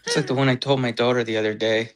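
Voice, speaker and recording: A man's voice: medium pitch, fairly even intonation, rapid-fire. A man joining a casual podcast chat as a guest, telling a chatty anecdote.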